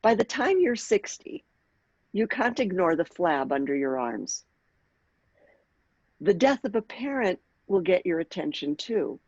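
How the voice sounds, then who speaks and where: Woman in her sixties, workshop leader, measured delivery, dull dry sound. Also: fairly low pitch, sing-song, darkish tone, no echo. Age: 60s. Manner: measured, clears throat often. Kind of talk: workshop talk with read-aloud passage.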